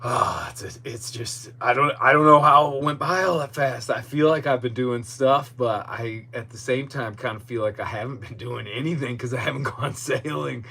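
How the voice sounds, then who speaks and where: A man's voice: medium pitch, normal speed, gravelly, few pauses, pushed and bright, slightly rough. A man hosting a casual solo podcast live stream from outdoors in a yard, talking in a rambling, self-deprecating way. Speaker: podcast host. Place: outdoors in a boatyard. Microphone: podcast microphone. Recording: noticeable background noise with hum.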